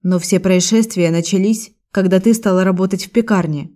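A woman's voice: medium pitch, steady tone, moderate pace, mellow, close to an everyday voice. A woman voicing a stern young man.

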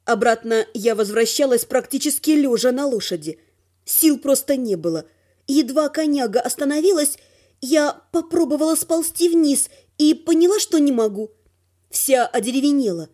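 A woman narrating a first-person fantasy audiobook with a lively, expressive reading. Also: high-pitched, moderate pace.

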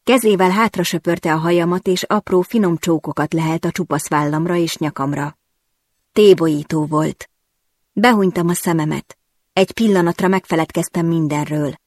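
A woman reading a first-person romance audiobook in an intimate, expressive storytelling manner, recorded on a close studio mic. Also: fairly low pitch, no room sound. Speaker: audiobook narrator.

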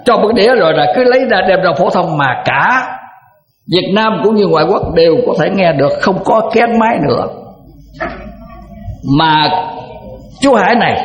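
Older monk, folksy and rambling, long hall reverb. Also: male voice, high-pitched, lo-fi sound. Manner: folksy, rambling, with repeated words. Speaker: Buddhist monk. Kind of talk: dharma talk to an assembly. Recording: echoey hall recording.

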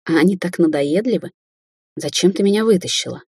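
A woman's voice: fairly low pitch, fairly quick, a little mellow, husky, dry recording, clean studio sound. Woman voicing a smug cruel sorceress. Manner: theatrical, mocking, turns to hissing threats. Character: smug cruel adult female sorceress, teasing and vicious.

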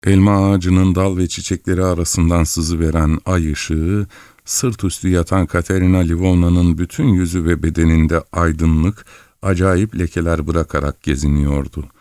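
Deep-voiced male audiobook narrator. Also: steady tone, a little mellow, no echo, clean studio sound. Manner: measured, descriptive. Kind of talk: scripted literary narration.

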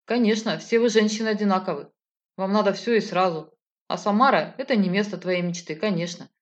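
A woman's voice: medium pitch, a little fast, lightly acted. A woman voicing an emotional, impulsive grown man who pleads and argues with his partner. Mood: heated. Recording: slightly dull lo-fi audio.

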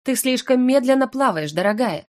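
A woman's voice: high voice, animated, normal speed, voice pushed up. A woman reading the lines of a teasing, seductive male incubus professor in an audiobook, with a purring, playful manner.

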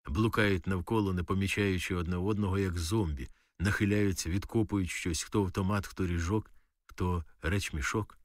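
Low-voiced man reading an audiobook. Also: fairly even intonation, normal speed, no echo, studio quality, far from the mic. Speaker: audiobook reader. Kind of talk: audiobook narration of a war novel.

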